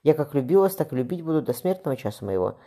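A man's voice: fairly high pitch, sing-song, fast, mellow. A man voicing a cunning, ruthless cossack ataman who pleads in a honeyed, mournful way. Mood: pleading.

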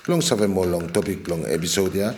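A man's voice: deep voice, brisk, a little mellow, a little hiss or hum. A man with a ni-Vanuatu accent reading a scripted announcement in Melanesian pidgin. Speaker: podcast announcer.

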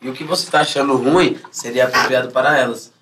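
A man's voice: mid-range voice, fairly even intonation, fast talker, recorded from a distance, noisy background. A man with a São Paulo accent chatting casually as an interview guest, in heavy street slang, often acting out imagined reactions. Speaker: music artist, interview guest. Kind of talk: casual chat.

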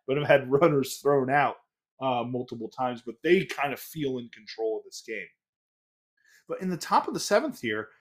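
A man with a Boston accent hosting a casual baseball recap podcast, chatty and enthusiastic with frequent fillers and restarts. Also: fairly high pitch. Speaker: podcast host.

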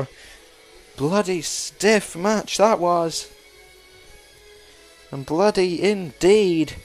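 A male wrestling commentator with a notably high voice. He calls the action play-by-play at a slow, drawn-out pace, dramatic and exclamatory, hammering on repeated phrases.

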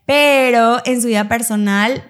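A woman's voice: on the high side, unhurried, a bit bright. Reflective woman, casual chat. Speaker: podcast co-host.

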